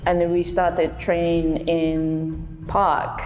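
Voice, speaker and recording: Young dancer, woman; hesitant, reflective telling, slightly low pitch, long reverb, faint music under. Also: monotone, very slow, darkish tone, slight background noise. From Japan. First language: Japanese. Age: young adult. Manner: hesitant, with many fillers. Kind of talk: reflective interview talk.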